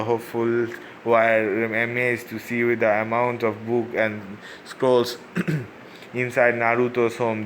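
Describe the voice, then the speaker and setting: A man reading fan fiction aloud, with a halting delivery full of fillers and restarts. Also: mid-range voice, a bit bright, a little hiss or hum.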